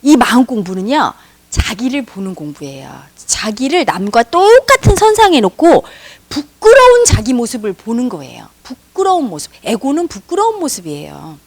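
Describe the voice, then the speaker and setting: Middle-aged woman meditation teacher, high and bright, emphatic lecturing with rhetorical questions. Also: big pitch swings, moderate pace. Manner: emphatic, uses rhetorical questions and acted-out quotes. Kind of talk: spiritual lecture.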